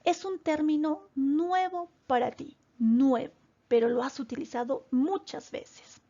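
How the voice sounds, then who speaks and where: A woman teaching a grammar lesson to children, explaining slowly and deliberately and addressing them directly. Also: sits high, steady tone, warm tone, lo-fi sound. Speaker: primary school teacher.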